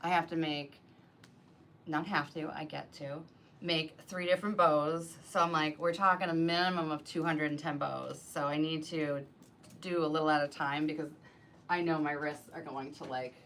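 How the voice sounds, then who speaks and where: A woman's voice: low voice, a bit bright, a little hiss or hum, rough recording. Chatty woman crafting on a live stream. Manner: chatty, rambling, many "like" fillers; talks to herself while working. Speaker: wreath designer hosting a live stream. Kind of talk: casual live-stream chat while crafting.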